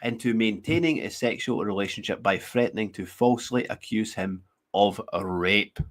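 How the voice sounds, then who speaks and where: A man, hosting his show, reading news stories aloud and breaking off into mocking, sarcastic commentary with frequent laughs and halting restarts. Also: fairly low pitch. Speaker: show host.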